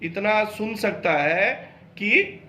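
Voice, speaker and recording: Brief: bright, high-voiced male teacher, halting reading pace, recorded in a roomy echo. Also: lively intonation, a little hiss or hum. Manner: slow halting reading, quicker explaining. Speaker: school teacher. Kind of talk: online class lesson.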